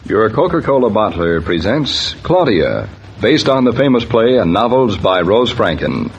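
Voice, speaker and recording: A man's voice: lowish voice, big pitch swings, unhurried, breathy edge. A man working as a radio announcer, reading a scripted sponsor message in an old-time broadcast style. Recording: dull, faintly noisy old radio recording.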